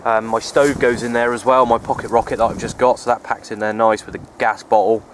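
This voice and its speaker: A resigned, low-key man, a radio hobbyist vlogger, narrates in a brisk, level voice while standing on an open wooded hilltop, repeating himself as he rambles casually. He films with a handheld camera and relies on its built-in mic, so wind and ambient outdoor noise come through.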